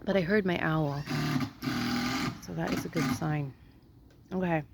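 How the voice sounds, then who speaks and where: A middle-aged woman with a raspy, sore-throated voice, rambling through a casual story for her viewers with lots of fillers and laughter. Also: low voice, a little slow, very noisy. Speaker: vlogger.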